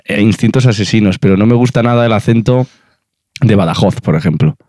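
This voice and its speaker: A man's voice: fairly low pitch, brisk, darkish tone, dry recording, clean studio sound. A man chatting casually as a podcast co-host, giving blunt, frank opinions. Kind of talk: casual chat.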